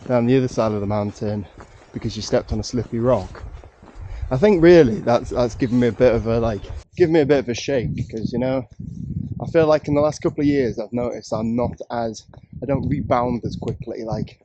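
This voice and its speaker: A man's voice: mid-range voice, brisk, warm tone, dull audio. Bunged-up man vlogging outdoors. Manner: self-deprecating, rambling with restarts. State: congested, bunged up. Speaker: walking vlogger. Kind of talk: casual chat to camera. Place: outdoors on a countryside walk. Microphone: action camera.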